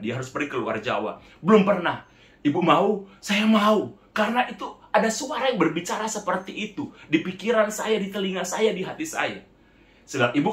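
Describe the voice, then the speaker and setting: A man's voice: on the high side, a bit bright, roomy sound. A man preaching as a pastor, telling a testimony to his congregation and often calling them brothers and sisters. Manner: addresses the congregation as "saudara" repeatedly, acts out quoted voices. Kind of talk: sermon testimony storytelling.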